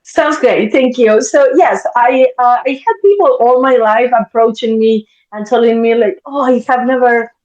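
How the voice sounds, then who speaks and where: A woman in her fifties from Argentina, a therapist appearing as a guest, speaks bluntly and directly in a candid interview, swearing freely. Her voice is on the high side and darkish, at normal speed with hardly any pauses. The sound is lo-fi, in an echoey room.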